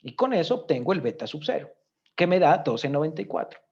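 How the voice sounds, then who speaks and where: A man's voice: on the high side, very animated, brisk, gravelly, darkish tone, slightly rough, muffled recording. A man teaching a recorded economics lesson, explaining step by step and often checking in with his students. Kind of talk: recorded lecture with spreadsheet walkthrough.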